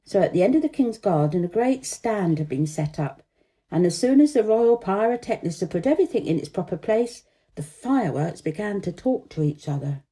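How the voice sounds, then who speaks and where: A woman narrates a children's story expressively at a brisk clip. Her tone is very soft and mellow, and her pitch sweeps in a lively way.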